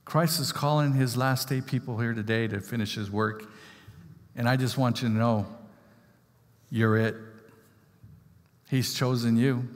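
A man's voice: mid-range voice, steady tone, a little slow, long pauses. A man preaching a sermon in a conversational style, rousing the congregation with repeated calls of "Amen?". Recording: long hall reverb.

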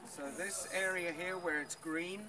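A middle-aged tour guide leads a group outdoors beside an old stone wall, chatting with plenty of ums and quizzing his listeners. His voice is high, with fairly even intonation and a measured pace. A distant camera picks him up in a noisy outdoor recording.

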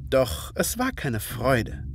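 An actor playing an earnest, easily astonished Victorian doctor in a German radio play, expressive and sometimes hesitant. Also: male voice, medium pitch, takes it slowly, slight background noise. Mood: reflective narration. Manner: expressive, hesitant when puzzled, emphatic. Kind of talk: German radio play, dialogue and first-person narration.

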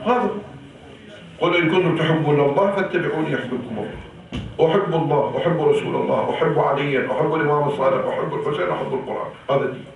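A man with an Iraqi Arabic accent delivering an impassioned, rhetorical sermon in the hall of an Islamic center. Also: a little high. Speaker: preacher. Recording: echoey hall from far off.

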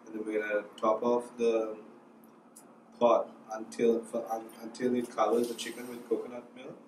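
A man's voice: mid-range voice, completely flat delivery, normal speed, a little mellow, a little hiss or hum. Hesitant man, echoey room, far mic. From Sri Lanka. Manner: hesitant, many ums and uhs, lists ingredients. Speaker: cook showing a recipe. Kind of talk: casual cooking demonstration. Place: small indoor room, student kitchen.

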